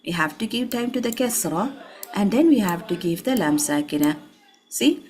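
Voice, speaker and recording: A woman teaching a children's Quran reading class, stretching sounds slowly and often asking if the students understood. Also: medium pitch, animated, a little mellow. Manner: slow, drawn-out letter demonstrations; checks in with "Understood?". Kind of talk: online class instruction.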